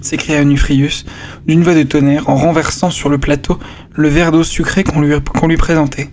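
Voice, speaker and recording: A man's voice: fairly high pitch, level tone, normal speed, a little mellow, slight background noise. A man reading a story aloud on stream, breaking off for casual asides and stumbling over words.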